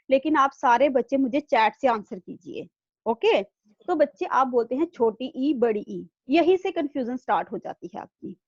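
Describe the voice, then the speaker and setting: A primary school teacher leads an online video class for young children from a room at home. Her high voice comes through muffled but with no echo. She is patient and says "thik hai?" after nearly every line.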